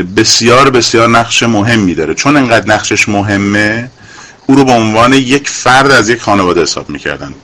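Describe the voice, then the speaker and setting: Indignant man lecturing, bright voice. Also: on the low side. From Iran. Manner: indignant, lecturing, rising to near-shouting. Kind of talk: impassioned monologue.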